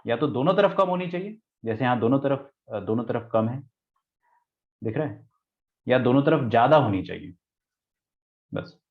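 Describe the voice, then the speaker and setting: A male maths teacher at a middle pitch, explaining step by step and answering the questions he asks himself. The sound is thin and tinny, as if heard over a phone line. He talks like a coach drilling exam problems. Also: lively intonation, normal speed, long pauses. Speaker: math teacher. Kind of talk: online lecture in Hindi-English mix. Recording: tinny phone-like lecture audio.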